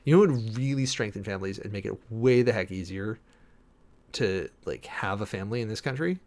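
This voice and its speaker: With a lowish, darkish voice and brisk delivery, a man hosts a political livestream. His commentary is casual and strongly opinionated, and he repeats phrases for emphasis.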